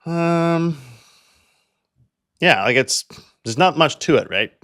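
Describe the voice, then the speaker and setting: With lively intonation and a fairly bright, slightly high tone, this young Canadian man speaks slowly. He's a real estate agent hosting a casual video walkthrough, talkative and leaning hard on fillers such as "like."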